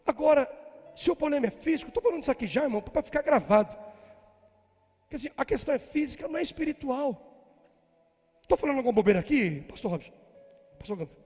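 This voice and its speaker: High-voiced Brazilian pastor preaching. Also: male voice, fast, pauses often, breathy edge, long reverb tail, faint music behind. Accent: Brazilian Portuguese. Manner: animated preaching that swings from soft asides to shouting; humorous, folksy storytelling. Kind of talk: sermon. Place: church.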